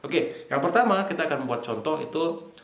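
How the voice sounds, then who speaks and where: A man teaching a casual online language lesson, explaining slowly step by step and repeating key points. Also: on the high side, animated. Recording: echoey room.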